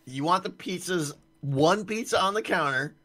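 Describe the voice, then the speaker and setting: A man playing a cooking game with a friend, teasing and getting excited as the action speeds up. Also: high voice, moderate pace. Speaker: co-op gaming partner. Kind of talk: casual co-op gameplay chat.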